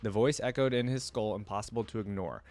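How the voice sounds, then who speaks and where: Talking fast in a lowish voice, a man hosting a reaction video reads lore aloud and muses over it casually, thinking out loud, all on a dry recording.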